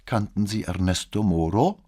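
A calm, probing police commissioner, read by a man who asks measured questions. The voice sits very low with a husky grain. It belongs to an audiobook interrogation scene.

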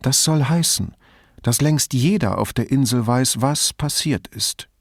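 A man reading an audiobook voices a thoughtful, curious woman who asks probing questions and gently teases. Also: medium pitch, animated, moderate pace, breathy edge, no echo, studio quality. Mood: teasing. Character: thoughtful middle-aged woman, curious, wry.

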